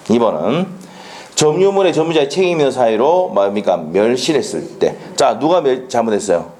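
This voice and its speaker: A man teaching a law exam prep class in a classroom, animated and drilling students with quick questions. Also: medium pitch. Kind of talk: classroom lecture. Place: lecture classroom.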